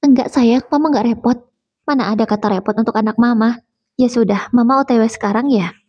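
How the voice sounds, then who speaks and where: Woman putting on a fussing high-voiced mother. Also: a little fast, husky, highs cut off. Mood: doting. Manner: fussing, scolding lovingly. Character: elderly mother, talkative and doting.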